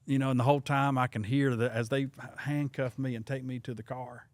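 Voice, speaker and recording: A man, a pastor hosting a podcast and excitedly retelling a story at his own expense. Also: medium pitch, brisk, no echo. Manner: self-deprecating, excitable retelling. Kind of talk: casual storytelling.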